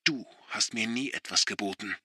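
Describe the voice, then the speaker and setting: A man reading an audiobook, voicing a hurt young man who defends himself against his father and shouts back. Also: lowish voice, moderate pace, no room sound, clean studio sound. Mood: defiant arguing.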